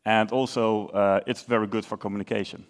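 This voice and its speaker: Speaking at a conference, this young man from the Netherlands has a Dutch accent and a fairly quick delivery in a lowish register. He explains casually, with uhs and corrections of himself along the way.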